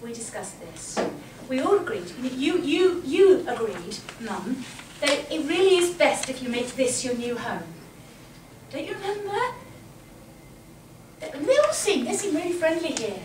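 Woman acting a nervy patient daughter in a stage play, high voice, stammers, echoey and noisy from far off. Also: big pitch swings, unhurried. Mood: gentle, hesitant. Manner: hesitant, stammering. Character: awkward, patient, anxious grown daughter. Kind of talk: staged script-in-hand play reading. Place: small indoor stage. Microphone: far camera. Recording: echoey small theatre, distant mic, noisy.

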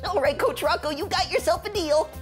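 A man's voice: very high voice, brisk, soft background music. A young man playing a cheeky, smug friend on a kids' show, speaking in an exaggerated, sing-song way. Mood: scheming.

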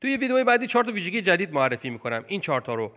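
Man, English teacher, patient, slow careful repetitions, fairly high voice. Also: big pitch swings, very noisy. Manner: patient, repeats English words slowly and clearly. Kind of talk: language lesson explaining film clips.

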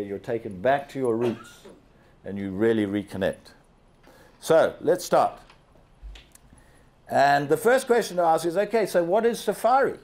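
Speaking into a handheld mic, this older Zambian man addresses a seated crowd in a large banquet hall as a guest speaker. His voice sits in the mid range, and he animates his slide talk by quizzing listeners.

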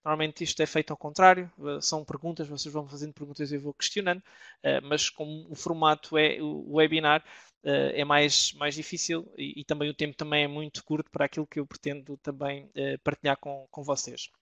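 Portuguese guy giving a webinar, kinda high voice, dry close sound, keeps pausing. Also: flat delivery, gravelly, sharp tone, no room sound. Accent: European Portuguese. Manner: hesitant, many filler sounds and restarts. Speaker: webinar presenter. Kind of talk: presentation.

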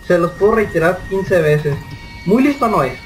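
A young Mexican man with a Mexican accent, joking through a zombie game commentary and panicking in quick "no, no, no" bursts. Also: high-pitched, lively intonation. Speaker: gameplay commentator. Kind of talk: let's play commentary. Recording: distant mic with loud game music. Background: game music.

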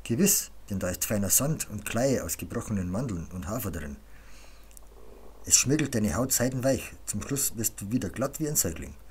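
A man reading an audiobook voices a calm, commanding grown woman who speaks softly but firmly, as if teaching. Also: fairly low pitch, normal speed, breathy edge. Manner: soft, firm, instructive.

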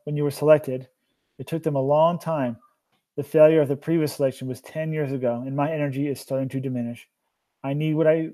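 A man voicing a tired old man who is a burdened mentor, speaking slowly and earnestly. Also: mid-range voice, dark tone, natural voice.

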